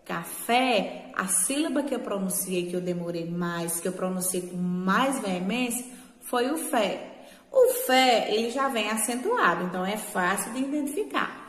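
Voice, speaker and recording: Woman, Brazilian accent, teacher, patient and repetitive, slightly high, roomy echo. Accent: Brazilian Portuguese. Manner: patient, repeats words slowly with tag questions. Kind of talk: remote classroom lesson. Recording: echoey room with long reverb.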